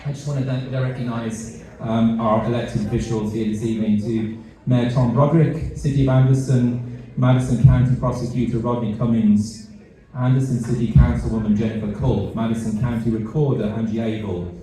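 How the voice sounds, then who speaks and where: His medium-pitched voice is steady and mellow. This middle-aged Briton, a charity CEO, gives a light-humoured fundraiser speech in a big event hall, halting over and repeating words while teasing himself. The hall echoes and the mic is heard from a distance.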